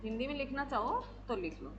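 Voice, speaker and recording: A woman's voice: high-pitched, lively intonation, fairly quick, a bit bright, muffled recording. A woman teacher giving an exam-prep lecture, asking questions and answering them herself, often calling her students "my children".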